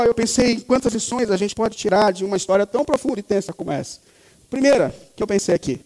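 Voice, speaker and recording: A man's voice: very high voice, darkish tone. A male pastor in his thirties preaching a sermon, speaking emphatically and repeating key phrases for weight. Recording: reverberant hall.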